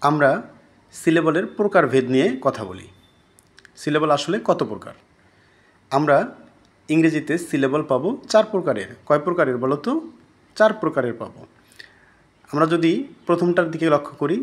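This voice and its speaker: A man teaching a recorded grammar lesson, who keeps asking his students questions and then answers them himself. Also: fairly high pitch.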